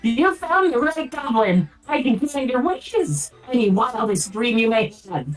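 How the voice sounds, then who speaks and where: A woman voicing an excitable wish-granting goblin at a tabletop game, her loud voice clipping into fuzz distortion on the mic. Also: on the high side, unhurried, recorded from a distance, faint music behind, voice pushed up. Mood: grandiose. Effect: distorted, clipping mic when loud. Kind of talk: roleplaying a character in a tabletop game.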